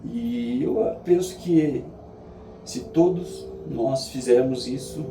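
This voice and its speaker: A Brazilian man giving a reflective, casual monologue in an earnest, halting way, often checking in with short tag questions. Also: on the high side, sing-song, gravelly. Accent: Brazilian Portuguese. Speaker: vlogger sharing daily reflections. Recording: echoey, distant mic, faint background noise.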